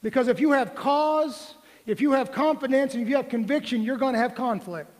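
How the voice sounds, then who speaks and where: A man's voice: very high-pitched, fairly quick. A man in his forties preaching a sermon in a church, folksy and joking, then pressing the room with emphatic questions. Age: 40s. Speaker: pastor. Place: church sanctuary. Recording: long reverb of a church hall.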